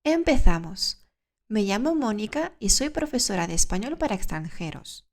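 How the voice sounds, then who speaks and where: Clear-spoken woman teaching Spanish. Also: mid-range voice, sing-song. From Spain. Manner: clear, measured explaining, asks the listener questions. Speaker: Spanish teacher and podcast host. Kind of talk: scripted podcast lesson for learners.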